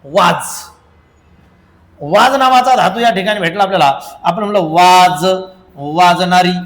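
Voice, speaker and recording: A man's voice: on the high side, a bit bright, echoey room, low-quality recording. A male teacher giving an exam-prep grammar lesson, drilling answers and repeating lists in a chant-like way.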